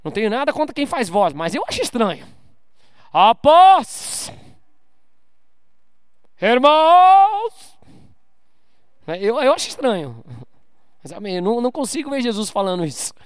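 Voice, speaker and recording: High-voiced casual pastor preaching. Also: male voice, very animated, fast talker, no echo, studio quality. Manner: informal, calls out for amens, jokes with the crowd. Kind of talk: casual sermon to a congregation. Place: church service.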